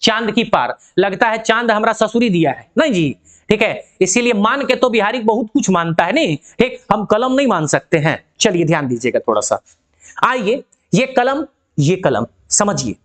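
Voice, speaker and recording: A woman's voice: medium pitch, sing-song, normal speed. Woman teaching physics online. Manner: asks rhetorical questions and keeps checking in with students; addresses students affectionately. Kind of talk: online video lesson.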